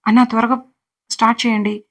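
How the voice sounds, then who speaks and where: A woman's voice: on the high side, little pitch movement, fast, close to an everyday voice. Anxious young heroine, urgent pleading, level tone , voiced by a woman narrator.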